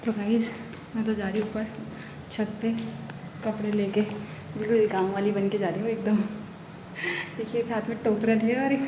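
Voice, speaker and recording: A woman's voice: medium pitch, flat delivery, normal speed, pauses often, reverberant. A woman in her twenties, a young mother, chatting to the camera in a casual home vlog, filmed on a handheld camera. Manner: chatty, talks straight to the camera. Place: home, kitchen and rooftop. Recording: noisy home recording.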